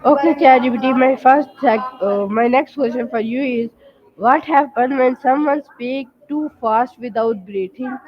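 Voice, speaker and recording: A woman's voice: high-pitched, measured pace, dull audio. A woman hosting an interview with an AI chatbot, asking casual, unscripted questions.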